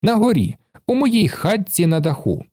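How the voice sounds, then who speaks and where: A man's voice: sits high, sing-song, moderate pace, mellow, no room sound, clean studio sound, voice pushed up. A man reading a storybook aloud and voicing a boastful, carefree, plump little man who brushes off every trouble. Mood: breezy.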